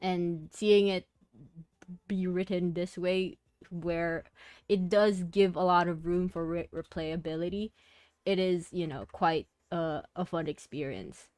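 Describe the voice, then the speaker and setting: Soft, rambling young woman streamer. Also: on the low side, slow pace, clear, resonant tone, no room sound. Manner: rambling, soft-spoken, talks herself through thoughts. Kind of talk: casual chat.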